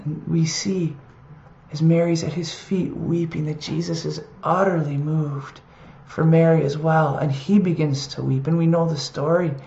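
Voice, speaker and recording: A preacher giving an earnest, heartfelt scripture reflection and reading Bible passages aloud with quiet emphasis. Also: mid-range voice, fairly even intonation, unhurried, gravelly, echoey room, dull audio, a little hiss or hum. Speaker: preacher in an online video series.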